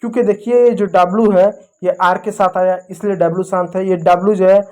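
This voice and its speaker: A woman's voice: medium pitch, fairly even intonation, brisk, mellow. A woman teaching English spelling rules, patiently repeating each point and spelling words out letter by letter.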